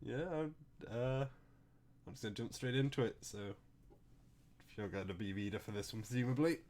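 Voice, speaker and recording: A man co-hosting a game let's play, talking in a halting way and chuckling often. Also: mid-range voice, a little mellow. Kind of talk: casual chat.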